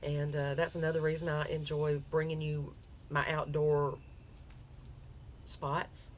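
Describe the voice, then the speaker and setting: A woman's voice: low-pitched, little pitch movement, measured pace. A woman with a Southern US accent and a folksy drawl, chatting casually as a crochet vlogger. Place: outdoors on a front porch. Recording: outdoor background noise.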